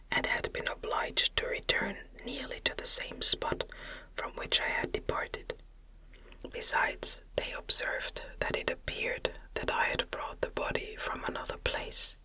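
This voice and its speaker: A woman reads a classic novel aloud in a soft, breathy ASMR whisper. Her phrasing is careful, gentle, and unhurried, with a soothing quality.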